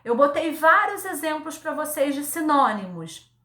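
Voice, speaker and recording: A woman teaching young children in a recorded lesson, her voice high and bright. She talks slowly and patiently, spells words out piece by piece, and tags her sentences with a checking "tá?". The room around her is echoey. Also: very animated. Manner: slow, patient, repeats words syllable by syllable; ends phrases with a checking "tá?". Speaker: primary school teacher.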